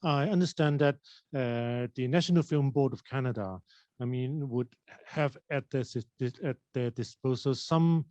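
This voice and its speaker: A man interviewing a filmmaker, asking his questions in a halting way, repeating words and ending on tag questions. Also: mid-range voice, warm tone, no echo, highs cut off. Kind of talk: festival Q&A questions.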